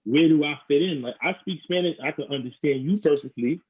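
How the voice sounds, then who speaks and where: Over a tinny phone-like line, a young New York man hosting a podcast talks earnestly, frequently saying "you know." His voice is husky and a little high, and he speaks fairly quickly.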